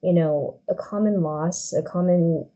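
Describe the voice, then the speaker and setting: Dark-voiced woman interviewer, lo-fi call. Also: on the low side, measured pace. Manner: casual, hesitant, searching for words. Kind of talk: casual interview chat.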